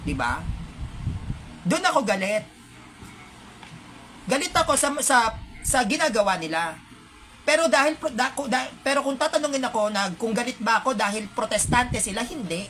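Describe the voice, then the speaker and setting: A woman's voice: on the high side, lively intonation, moderate pace, pauses often, a bit bright, slight background noise. A woman with a Filipino accent, delivering an indignant, heated monologue to her viewers with rhetorical asides.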